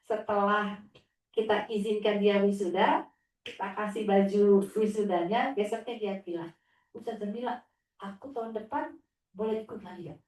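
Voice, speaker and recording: A woman's voice: mid-range voice, steady tone, normal speed, darkish tone. A woman religious teacher sharing stories about her students, acting out a child's whiny replies. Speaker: Islamic teacher. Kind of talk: inspirational sharing talk. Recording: echoey room, distant mic.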